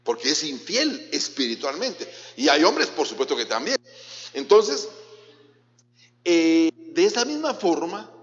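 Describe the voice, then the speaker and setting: Lively Guatemalan pastor in an echoey hall. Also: male voice, fairly high pitch, a little slow, a little hiss or hum. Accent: Guatemalan Spanish. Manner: questions the congregation directly, mixes in jokes. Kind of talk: sermon. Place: church hall. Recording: echoey church hall, dull lo-fi sound.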